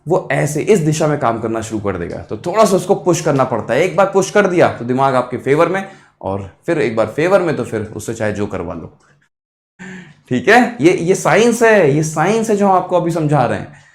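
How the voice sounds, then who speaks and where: A man's voice: on the high side, sing-song. Encouraging male math teacher. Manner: encouraging, repeats answers, addresses students as kids; motivational asides mixed with quick calculation. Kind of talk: live online exam-prep class.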